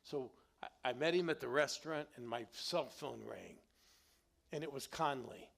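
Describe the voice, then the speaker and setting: A middle-aged male pastor tells stories from the pulpit, his voice gravelly at a middle pitch. He urges the congregation to respond out loud and build up the story with him. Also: normal speed. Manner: animated, calls on the congregation to respond. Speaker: guest pastor. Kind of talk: storytelling sermon. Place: church sanctuary.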